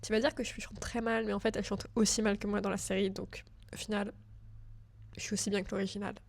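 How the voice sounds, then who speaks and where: A woman's voice: medium pitch, flat delivery, rapid-fire, gravelly. A young woman, a digital school student, casually walking the viewer through her own website project. She talks in a chatty way, full of fillers, and says she is a bit nervous. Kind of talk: casual screen-share walkthrough.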